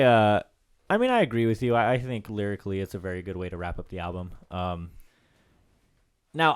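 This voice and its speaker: A man co-hosting an album review in a casual chat, easygoing and measured. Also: lowish voice, smooth. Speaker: co-host reviewer.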